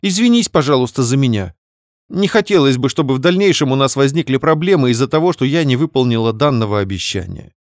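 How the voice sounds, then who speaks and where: A man voicing a bubbly, scheming young woman who chatters quickly and wheedles. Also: mid-range voice, expressive, no echo, studio quality, voice pushed up, lightly acted. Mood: pleading, cold.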